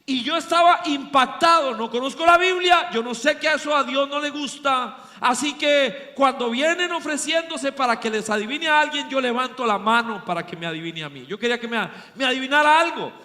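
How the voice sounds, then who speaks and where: A man preaching a sermon at a pastors' retreat, telling a story dramatically and swinging from loud bursts to hushed passages. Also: very high-pitched, fairly quick, hardly any pauses. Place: large hall at a pastors' retreat. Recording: long hall reverb.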